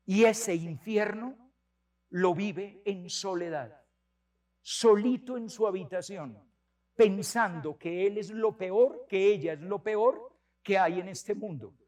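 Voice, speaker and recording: A priest in his sixties giving a sermon, telling stories with animated delivery and repeating words for emphasis. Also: high-pitched. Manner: animated storytelling, many repetitions.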